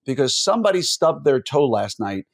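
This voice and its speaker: A man hosting a podcast interview, talking in a loose, rambling way. He often restarts and corrects himself and slips in jokes while setting up long questions. His pitch is average for a man. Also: very animated, brisk. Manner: rambling, self-correcting, jokey. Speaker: podcast host. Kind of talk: conversational interview.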